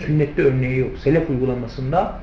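A man with a mid-range voice gives a fast, steady-toned lecture on hadith commentary, with a slight hiss or hum in the background. He teaches theology by posing rhetorical questions and answering them himself, addressing his listeners as friends. The lecture recording sounds roomy and a little dull.

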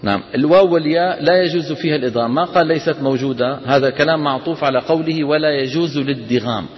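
A man's voice: on the high side, rapid-fire. A man lecturing a class on Quran recitation rules, explaining and quizzing students with prompt questions. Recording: dull lecture recording in a reverberant hall.

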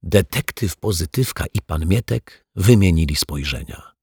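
A man reading a children's story aloud in a measured, deliberate narration. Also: deep voice, animated, darkish tone, husky, no echo, clean studio sound. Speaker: audiobook narrator.

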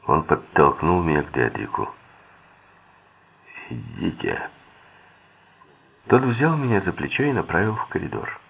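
A man narrates a thriller audiobook in a very deep, gravelly voice with husky edges. His pitch rises and falls a lot, and he gives the characters' quoted lines slightly different tones. The sound is thin and tinny, like a phone line. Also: huge pitch swings, brisk, few pauses.

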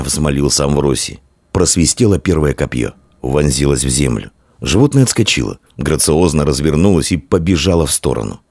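Very deep-voiced male storyteller. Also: no room sound, clean studio sound. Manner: expressive, dramatic storytelling. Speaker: narrator. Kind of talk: scripted audiobook narration.

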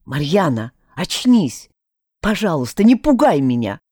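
A woman's voice: deep voice, big pitch swings, unhurried, warm tone, no echo, clean studio sound, heavily acted. Woman voicing a sardonic young necromancer. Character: young man, wary necromancer, sharp-tongued.

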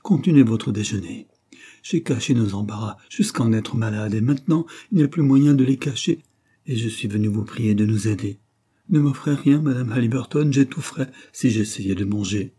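A man narrating an audiobook voices a frantic, ruined middle-aged woman desperately and insistently pleading for help. His voice is mellow with a breathy edge at a moderate pace, lightly acted, and the delivery is shrill and hand-wringing.

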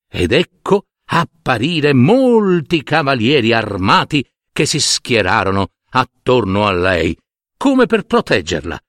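Male storyteller for a folk tale, unhurried, lively melody, dry close sound. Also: medium pitch, no echo. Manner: expressive, theatrical reading. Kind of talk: scripted fairy tale narration.

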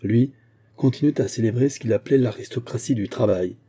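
A man reading a classic novel aloud in a measured, steady narration. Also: medium pitch, husky. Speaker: audiobook narrator.

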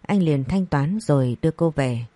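A woman narrating a scripted story, reading each character's lines in the same even voice. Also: low-pitched, moderate pace, dry recording. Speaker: audiobook narrator.

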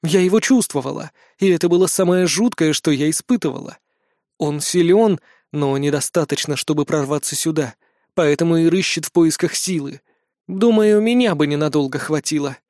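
A man's voice: a little high, normal speed, a little mellow, no echo, clean studio sound, lightly acted. A man voicing a weakened, shaken older woman medium in an audiobook, speaking in a weary, subdued way.

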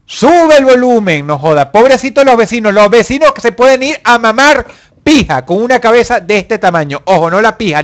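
A young man hosts a live stream in a high, bright voice. He reads out his viewers' comments and answers them with profane, mock-angry jokes. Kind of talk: casual live chat.

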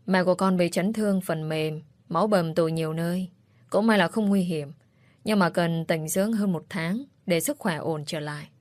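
A woman voicing a kindly older village healer who calmly reassures a young woman. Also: fairly low pitch, normal speed, no room sound, natural voice.

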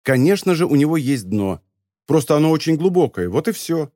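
A man voicing Kamako, a brisk, practical young woman who corrects others matter-of-factly, in an audiobook. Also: a little high, sing-song, mellow, no echo, clean studio sound.

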